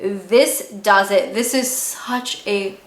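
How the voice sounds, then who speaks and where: A woman's voice: mid-range voice, takes it slowly, roomy sound. A woman presenting her own lipstick line in an enthusiastic, gushing beauty vlog.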